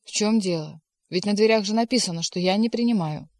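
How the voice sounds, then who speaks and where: A woman's voice: mid-range voice, brisk, darkish tone, no echo, studio quality, close to an everyday voice. A woman voicing an empty suit of an official that speaks curtly and haughtily. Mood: haughty. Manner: haughty, curt, irritable.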